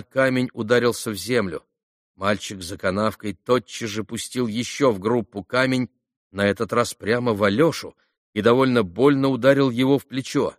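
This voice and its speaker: A man narrating a classic novel in an even, measured audiobook reading. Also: fairly low pitch, no room sound, studio quality.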